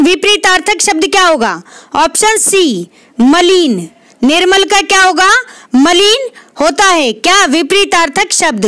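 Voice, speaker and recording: A woman's voice: extremely high pitch, bright, forceful tone, dry recording. A woman tutor going through exam questions, asking herself each question and answering it, repeating the key words. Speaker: Hindi literature exam tutor. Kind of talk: quiz explanation lesson.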